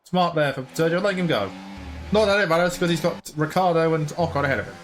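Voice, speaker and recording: A man's voice: fairly high pitch, fast talker, soft background music. Chatty man commentating a racing game. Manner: chatty, rambling, mock-commentates. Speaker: gaming YouTuber.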